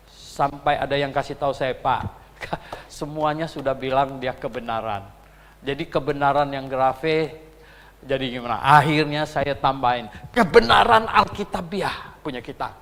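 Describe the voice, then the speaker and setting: A middle-aged man preaching a sermon as pastor, chatting with asides and rhetorical questions, then rising to loud emphatic peaks. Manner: swings from low murmurs to loud preaching peaks. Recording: long hall reverb.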